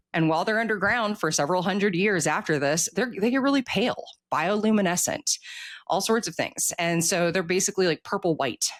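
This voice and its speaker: In a casual interview, an American-accented author explains his opinions animatedly and keeps checking in with the listener. The mid-range voice comes through with no room sound.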